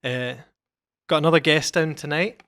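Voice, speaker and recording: A man's voice: on the high side, normal speed, a bit bright, no echo, clean studio sound. A young man hosting a casual podcast, chatty and friendly, with loose rambling introductions. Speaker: podcast host.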